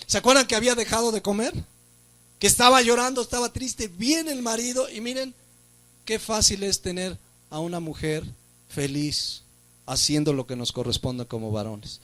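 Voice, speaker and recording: A male pastor with a Mexican Spanish accent delivers a sermon in a noticeably high voice. He leans on rhetorical questions and lifts his voice to stress key points. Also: a bit bright. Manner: preaching with rhetorical questions and emphatic rises. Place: church.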